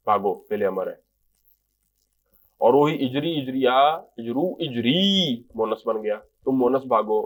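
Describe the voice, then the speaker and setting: Man teaching Arabic grammar patiently. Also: lowish voice. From Pakistan. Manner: explains patiently, repeats phrases and translates line by line. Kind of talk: grammar lecture in Urdu.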